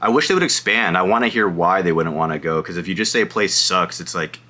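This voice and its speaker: A young American man co-hosting a reaction video, chatting and explaining in a relaxed way. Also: low-pitched, quick pace. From United States. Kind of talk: casual reaction chat.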